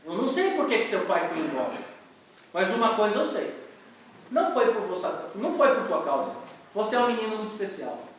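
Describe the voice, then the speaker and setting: A man doing a gentle old man in an echoey hall. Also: high-pitched, a little fast, slight background noise. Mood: comforting. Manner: calm and comforting. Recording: echoey church hall, mic far off.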